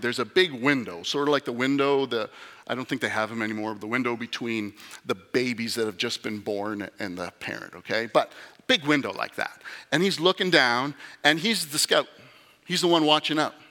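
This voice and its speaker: A man's voice: mid-range voice, moderate pace, bright, forceful tone, in a large hall. A male pastor preaching a sermon in a church, telling it as a casual story with frequent "okay?" asides. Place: church sanctuary.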